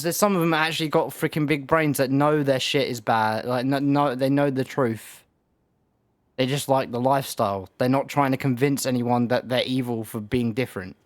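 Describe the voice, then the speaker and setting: Man, streamer, rambling rant, dry close sound, mid pitch. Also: no echo. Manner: rambling, profane, many restarts. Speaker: game streamer.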